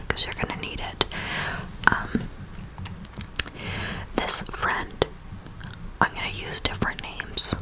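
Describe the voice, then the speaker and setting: A woman speaking in a soft, breathy ASMR whisper, telling a rambling personal story and slowly repeating words and phrases. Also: rough recording. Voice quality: whispery, mostly unvoiced, with creaky edges. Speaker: ASMR video host.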